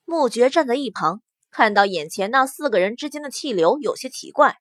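A woman's voice: a little high, animated, a little fast, no echo. A woman narrating a novel as scripted audiobook narration, telling the story expressively. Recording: dry close studio sound.

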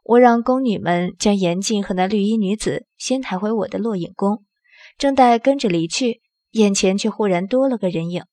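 A woman narrating an audio drama in the first person with a steady storytelling manner. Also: mid-range voice, moderate pace, no room sound, studio quality.

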